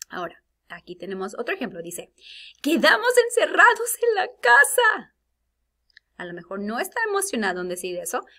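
Woman teacher doing a lesson, lively voice that jumps around, bright tone, really acts out the examples. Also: mid-range voice. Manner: animated, acts out example sentences with big exclamations. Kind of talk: recorded classroom lesson.

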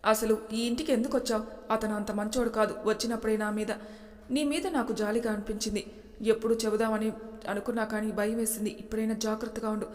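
A woman doing a motherly older housemaid who counsels softly in a flat, even tone. A long hall reverb rings under her words. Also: fairly high pitch, fairly quick, natural voice. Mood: consoling. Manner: gentle, advising. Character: kindly older maid, motherly and protective.

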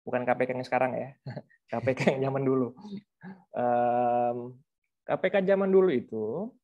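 On a webinar, a guest speaker who is a researcher and author lays out his views conversationally, peppering them with fillers and rhetorical tags. His mid-range voice moves at a moderate pace, muffled through a video call microphone.

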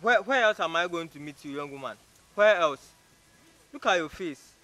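An arrogant, scornful stranger in a short drama, his voice bright and forceful and sitting a bit high. He mocks and scolds in stammering, repetitive bursts. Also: a little fast. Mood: angry. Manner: scornful, mocking, repeats himself in stammering bursts. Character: rude, arrogant young man insulting a stranger. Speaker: actor in a short film. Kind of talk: short-film drama acting.

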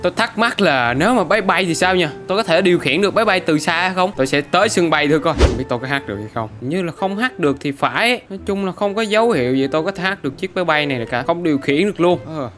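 A man commentates on his gameplay in an excitable, jokey way, often breaking into English outbursts. His voice sits slightly high for a man. Light music plays faintly behind him. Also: quick pace, few pauses. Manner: excitable, bursts of English exclamations. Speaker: gaming YouTuber.

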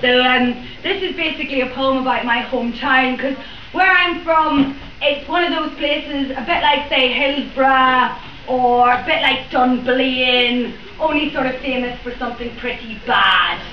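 Speaking a little slowly in a high voice, this young performance poet from Northern Ireland opens with a chatty, joking intro and keeps up the banter between rhyming verses. She's in a library event room, captured in a distant, roomy, dull recording with slight background noise.

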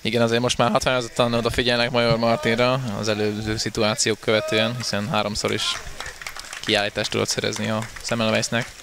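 Male sports analyst, co-commentary, level mid-pitched delivery, slight background noise. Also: level tone. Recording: faint background venue noise.

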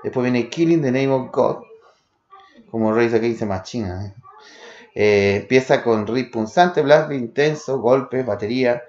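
A man's voice: medium pitch, a little slow, darkish tone, reverberant, dull audio. A man from Chile reviewing old metal demos, calling out riffs and drums in short word lists. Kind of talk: spoken demo review over music.

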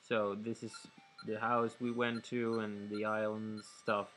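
A man's voice: lowish voice, flat delivery, unhurried, fairly bright tone, soft background music. A man casually commenting while playing a video game, rambling and correcting himself as he goes. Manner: rambling, self-correcting, giggly asides. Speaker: let's play commentator.

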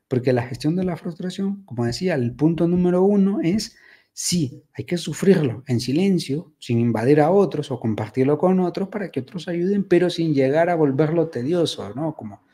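A man's voice: fairly high pitch, warm tone, slightly rough. A man giving advice in a casual, reflective monologue, telling personal stories and often checking in with tag questions.

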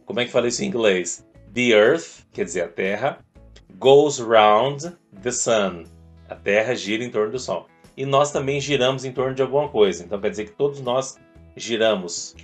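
A man teaching an English song, explaining the lyrics and slowly singing out the lines. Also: mid-range voice, faint music behind. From Brazil.

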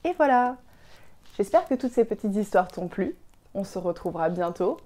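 A woman reading a children's story aloud in a gentle, clear storytelling voice. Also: medium pitch, big pitch swings, normal speed.

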